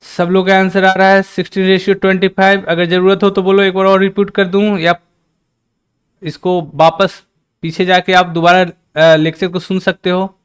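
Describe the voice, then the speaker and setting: A man's voice: high voice, little pitch movement, moderate pace, clear, resonant tone. A man teaching a live-streamed maths lesson, working through problems step by step and talking with viewers in the chat. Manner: chatty teacher, reads out and teases chat.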